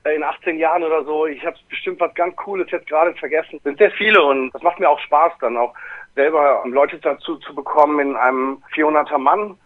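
A middle-aged man, a club owner and rapper, answering interview questions over the phone in a relaxed way, with many hesitations and fillers. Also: a little high, brisk. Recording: tinny phone line.

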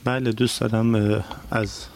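A man's voice: lowish voice, level tone, rapid-fire, a little mellow, slight background noise. A man in his forties from Iran, answering interview questions earnestly. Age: 40s. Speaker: interview guest.

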